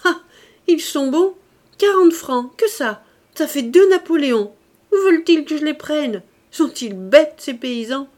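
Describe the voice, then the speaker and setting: A woman reading an audiobook, voicing a proud, excitable young seamstress in high, loud outbursts. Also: moderate pace, lightly acted. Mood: scornful laughing.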